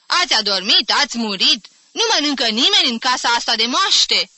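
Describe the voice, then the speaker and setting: A woman's voice: sits high, expressive, sharp tone, no echo, voice pushed up, exaggerated voice. A woman reading aloud, voicing an impatient young man curtly demanding his dinner. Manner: curt, demanding.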